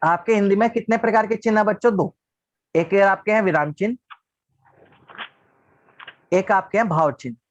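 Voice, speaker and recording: A man's voice: high-pitched, moderate pace, long pauses, dry recording. Man teaching an online class. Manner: patient, asks class questions and answers them himself. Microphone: video call. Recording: dull lo-fi online class audio.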